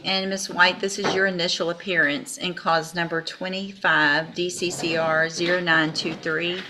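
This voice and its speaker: A woman's voice: on the low side, little pitch movement, moderate pace. A woman judge in a courtroom, firmly and methodically instructing defendants on procedure. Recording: hissy courtroom recording.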